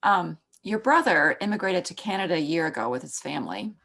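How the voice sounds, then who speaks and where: Low, gravelly-voiced woman interviewer. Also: sing-song, brisk, a bit bright, a little hiss or hum. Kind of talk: interview questions.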